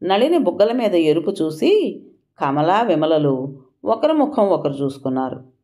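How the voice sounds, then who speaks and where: A woman narrating an audio story in an expressive storytelling manner. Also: lowish voice, unhurried.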